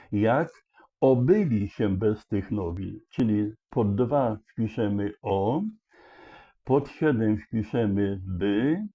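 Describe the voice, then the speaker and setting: Male puzzle explainer, unhurried and halting, restarts mid-phrase; dull lo-fi recording. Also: medium pitch. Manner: thinks aloud with many hesitations and restarts. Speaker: puzzle solver explaining a charade. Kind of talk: slow explanatory walkthrough. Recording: dull lo-fi sound.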